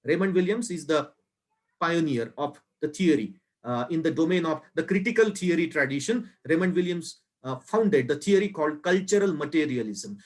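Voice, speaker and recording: A man from India giving an academic lecture in a slow, deliberate way, pausing between phrases. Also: fairly high pitch, animated.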